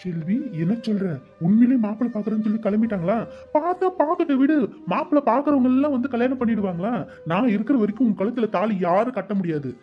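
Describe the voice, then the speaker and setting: A man's voice: high-pitched, quick pace, highs cut off, soft background music, close to an everyday voice. A man voicing a worried, protective young lover in a cartoon, speaking, urgent and pleading. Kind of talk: cartoon voice acting.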